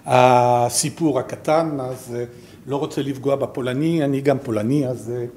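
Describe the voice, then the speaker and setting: A man with a French accent gives an informal slide presentation as a programme director, haltingly searching for his words. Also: medium pitch, fairly even intonation, a little mellow, slight background noise.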